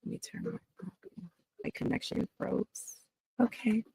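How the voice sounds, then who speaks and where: A woman's voice: a little slow, darkish tone, no room sound, poor audio. Woman on a choppy video call. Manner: hesitant, trailing off mid-sentence. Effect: audio cutting in and out, uneven volume. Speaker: teacher. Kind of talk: presenting on a live webinar.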